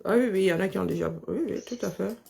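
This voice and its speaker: A woman with a lisp that makes her s sounds slushy, chatting casually and haltingly, often repeating words as she thinks. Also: medium pitch, darkish tone, slight background noise. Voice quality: husky, creaky voice. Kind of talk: casual chat, talking to herself and on a phone call.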